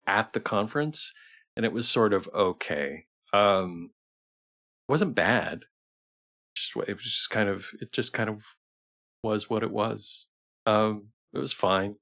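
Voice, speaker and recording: A fatigued visual novel streamer talks casually with his viewers, hesitant and rambling, circling back with restarts and repeated phrases. His voice is on the low side and fairly bright, with vocal fry.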